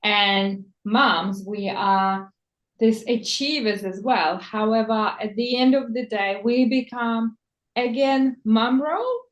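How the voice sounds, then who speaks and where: A woman from the Czech Republic, a native Czech speaker, talking slowly as a personal stylist in an interview, searching for words in English. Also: a little high. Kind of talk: conversational interview. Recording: echoey room.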